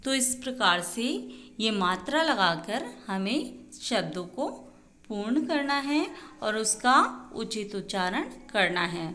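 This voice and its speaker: Slow, patient woman teacher in an echoey room. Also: medium pitch, lively intonation, a bit bright. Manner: slow, patient, spells out words and repeats answers. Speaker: school teacher. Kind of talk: recorded Hindi class lesson for young children. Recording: echoey room, faint background noise.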